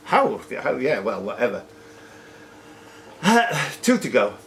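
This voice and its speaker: A man with a mid-range voice and wildly swooping pitch speaks slowly as he hosts a live pub-style quiz in a sports and social club room. He reads out the questions and throws in jokey, chatty, off-the-cuff asides, captured in a noisy live room recording.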